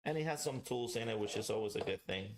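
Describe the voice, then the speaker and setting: A man's voice: fairly low pitch, expressive, quick pace, slight background noise. A man hosting a casual live review and chat, talking directly to viewers in a chatty way. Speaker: livestream host and pipe reviewer.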